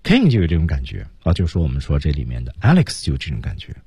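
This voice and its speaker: Deep husky male radio teacher. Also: rapid-fire, no echo. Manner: lively explaining, acts out English lines. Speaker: radio English teacher, co-host. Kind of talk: explaining lesson on radio. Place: radio studio.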